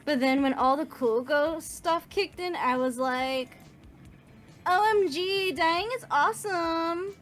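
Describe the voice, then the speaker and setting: A high, slow-drawling ghost party girl, as a woman puts her on, gushing in valley-girl style with every word stretched out. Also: a bit bright, faint music behind, exaggerated voice. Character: bubbly female party-girl ghost teen. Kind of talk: reading game dialogue aloud on a stream.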